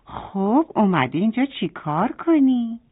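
A woman's voice: on the high side, very animated. Woman doing a playful, friendly rabbit. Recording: tinny phone-like sound.

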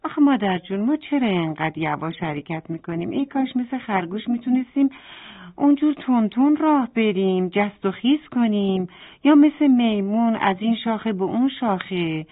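A woman's voice: medium pitch, lively intonation, close to an everyday voice. A woman voicing a curious, restless young boy turtle in a bedtime story, with a wistful, pleading manner. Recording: tinny phone-like sound.

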